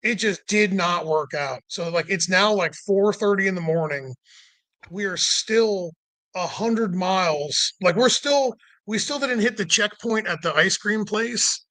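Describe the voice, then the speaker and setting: A podcast guest with a high, bright, pushed voice spins a long road-trip story at an unhurried pace. He rambles casually, says "like" constantly, and acts out the dialogue he quotes.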